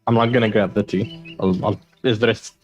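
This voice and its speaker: Lowish voiced guy playing a tabletop rpg, kinda wry and unsure. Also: fairly even intonation, a little fast, lo-fi sound, soft background music. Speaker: player.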